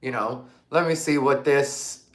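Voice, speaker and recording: Her voice is extremely low and unhurried, echoing around the room as she hosts a casual livestream. The Arizona woman reads out comments and peppers them with emphatic rhetorical questions and plenty of filler words.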